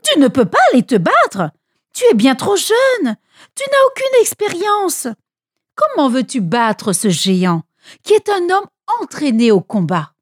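A woman's voice: sits high, wildly swooping pitch, unhurried, no room sound, studio quality, voice pushed up, full character voice. A woman voicing a panicking older king who protests in a raised, urgent voice. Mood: alarmed.

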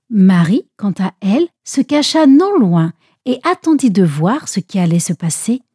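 Animated, breathy woman storyteller. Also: medium pitch, no echo, studio quality. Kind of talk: scripted children's Bible story narration.

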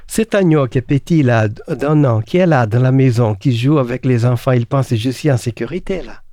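A man teaching the Bible in a relaxed conversation. He speaks earnestly and asks rhetorical questions, with frequent fillers and restarts. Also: mid-range voice, moderate pace, dry recording, studio quality.

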